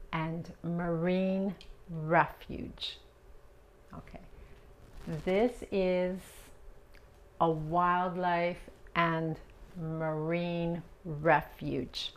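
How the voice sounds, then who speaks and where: A woman with a lowish voice teaches pronunciation at a very slow, deliberate pace. She drills each word patiently and checks in often with a quick "ok?". Her English words carry an American accent.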